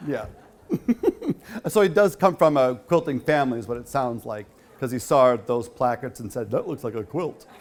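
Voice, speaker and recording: Speaking at a moderate pace in a mid-range voice, this man is the featured speaker at a quilt show held in a hall. His talk rambles chattily, packed with fillers, and he answers questions from the audience.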